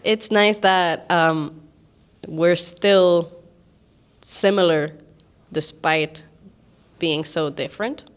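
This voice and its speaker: A woman's voice: fairly low pitch, extremely slow, long pauses, clean tone. A woman from Venezuela co-hosting a podcast, talking casually and unscripted to a live classroom audience. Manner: casual and chatty. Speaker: podcast co-host.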